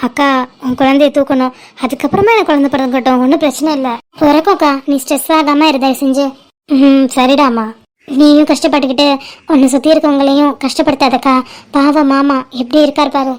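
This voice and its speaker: A woman with a high voice plays a younger sister in a cartoon family drama. She pleads and comforts emotionally and affectionately. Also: fairly even intonation, fairly quick. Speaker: voice actor for animated family drama.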